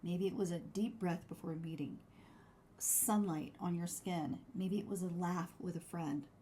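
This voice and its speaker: A woman presenting a scripted instructional talk as a wellbeing coach, with measured, deliberate, encouraging phrasing. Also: fairly low pitch, fairly even intonation, mellow, slight background noise.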